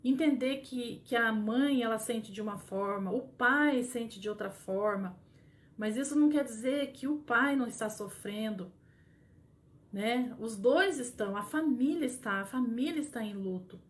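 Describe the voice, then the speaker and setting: A middle-aged Brazilian woman with a Brazilian Portuguese accent, a grief counselor for mothers, talking gently and earnestly on a live stream, pausing and restarting often. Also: a little high.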